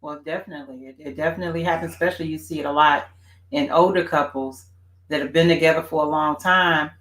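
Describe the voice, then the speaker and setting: A woman's voice: sits low, steady tone, quick pace, fairly bright tone. A woman co-hosting a family faith talk show, chatting reflectively and agreeing with her partner, with many "you know" fillers. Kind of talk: casual conversation. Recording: roomy echo.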